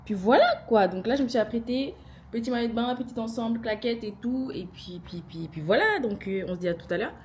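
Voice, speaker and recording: A young woman chatting casually to her camera in an excitable vlog, talking to herself as she goes. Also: on the high side, fairly quick, a little hiss or hum. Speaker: vlogger. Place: hotel room, later rooftop pool. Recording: loud music behind.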